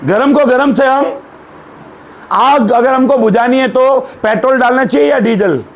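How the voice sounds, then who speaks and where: A man's voice: very high voice, measured pace, slight background noise. A male pastor preaching a sermon, telling jokes and putting questions to the congregation. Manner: humorous storyteller, asks the congregation questions.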